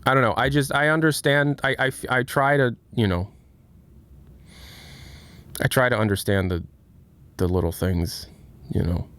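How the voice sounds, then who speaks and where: A man's voice: medium pitch, fairly even intonation, unhurried, pauses often, fairly bright tone, smooth. A man in his late twenties, streaming and answering chat in a candid, reflective way, often restarting his sentences. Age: 20s. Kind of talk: casual livestream chat, answering chat.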